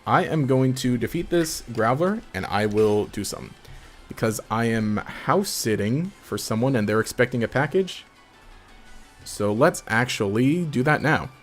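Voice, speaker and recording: A man's voice: mid-range voice, expressive, normal speed, faint music behind. A man casually commenting on his own gameplay during a live stream, rambling, laughing often and trailing off mid-sentence.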